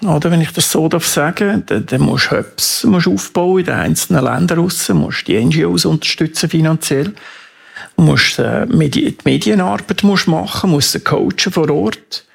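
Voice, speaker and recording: A man's voice: fairly high pitch, expressive, moderate pace, creaky, husky. A man with a Swiss German accent giving earnest, emphatic interview answers as a campaigner, often ending on tag questions. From Switzerland.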